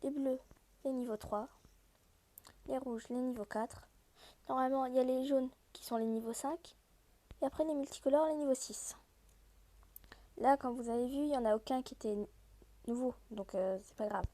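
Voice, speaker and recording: A woman with a high voice and a mellow, rounded tone talks through a mobile game as she plays. She explains each screen and rule straight to her viewers in an easygoing, conversational way. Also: normal speed, long pauses. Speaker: gaming video host. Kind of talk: casual gameplay walkthrough.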